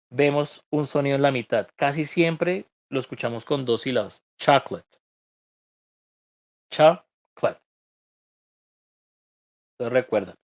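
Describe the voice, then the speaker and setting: A man's voice: medium pitch, dry recording. A man with a Colombian accent teaching an online English reading class, explaining pronunciation patiently with joking asides.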